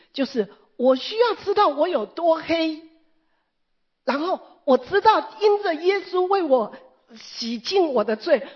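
Woman preacher, sermon, high breathy voice, animated storyteller, dull lo-fi recording. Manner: animated storytelling with wide pitch swings.

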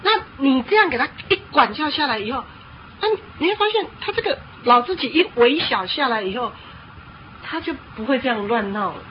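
Woman preacher, fairly high voice, animated storytelling sermon; dull lo-fi recording with faint hiss. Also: brisk. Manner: animated storytelling with frequent filler "hao".

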